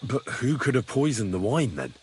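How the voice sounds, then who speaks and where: An actor playing an eager, talkative young squire with a raspy voice who speaks plainly and deferentially. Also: male voice, medium pitch, sing-song, moderate pace, a little mellow. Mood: chatty. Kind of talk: video game cutscene dialogue.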